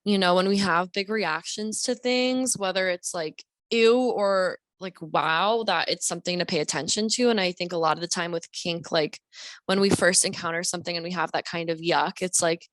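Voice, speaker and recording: A young woman from the Deep South of the US guests on a casual podcast as an author, rambling reflectively with lots of fillers. Her fairly low voice has a fairly bright tone and a moderate pace, recorded without echo.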